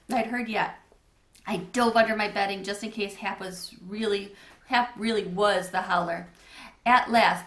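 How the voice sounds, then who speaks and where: In an echoey room, a woman with a mid-range, fairly bright voice reads a children's storybook aloud as the narrator.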